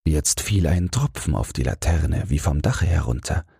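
A man narrating a fairy tale as a calm, soothing bedtime audiobook. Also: rumbling low, moderate pace, vocal fry, slightly rough, no room sound, clean studio sound.

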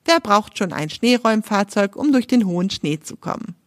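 A woman's voice: mid-range voice, lively intonation, moderate pace, no echo, clean studio sound. A woman from Germany, hosting a children's podcast, reading a story aloud and talking directly to the young listener in a friendly way.

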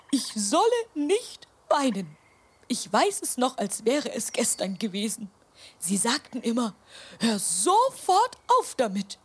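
A woman voicing a strict, prim old grandmother mouse who speaks in a breathy, stammering half-whisper. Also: sits high, exaggerated voice.

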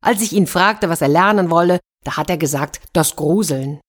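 A woman's voice: on the low side, moderate pace, close to an everyday voice. A woman voicing a stern, exasperated old village father in a children's fairy-tale reading. He scolds and sighs wearily. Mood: weary.

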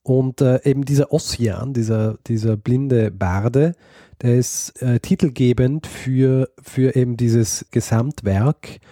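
A man's voice: medium pitch, takes it slowly, warm tone, no room sound, studio quality. A man co-hosting a history podcast, telling a story in a casual, hesitant way with frequent fillers and easy laughter. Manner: hesitant, many fillers and restarts, laughs easily. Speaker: podcast co-host.

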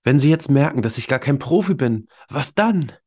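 Male podcast host, mid-pitched, stuffed up with a cold; informal, emphatic coaching delivery straight to the listener. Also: animated, moderate pace, a little mellow. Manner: emphatic, conversational coaching with rhetorical questions. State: congested with a cold. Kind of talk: informal solo podcast talk, addressing listeners directly.

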